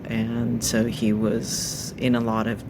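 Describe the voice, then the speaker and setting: A middle-aged woman from Japan, answering interview questions thoughtfully with pauses and fillers. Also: rumbling low, monotone, noisy background. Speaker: podcast guest.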